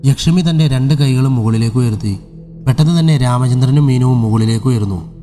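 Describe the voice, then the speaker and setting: A male storyteller reads a horror story in a steady, dramatic cadence. His voice is warm and dark. Soft music plays faintly underneath. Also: mid-range voice, brisk. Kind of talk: scripted horror story narration.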